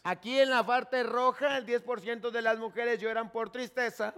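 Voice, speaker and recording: A man interpreting a sermon live, following the preacher phrase by phrase. His voice is high and smooth, and his manner is eager. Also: fairly even intonation, normal speed, bright, forceful tone.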